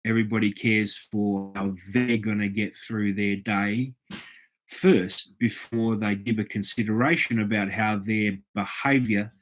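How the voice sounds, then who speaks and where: Rambling Australian man, low voice. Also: steady tone, unhurried. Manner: rambling, plain-spoken, repeats himself. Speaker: vlog host. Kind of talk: casual opinion monologue.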